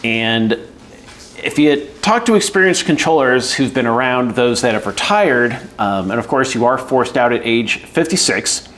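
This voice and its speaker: This is a casual explainer where a middle-aged U.S. air traffic controller shares candid career tips. He sounds mid-range and fairly bright, with lively intonation and a moderate pace, and he keeps it conversational, filling his speech with fillers and acting out quoted voices.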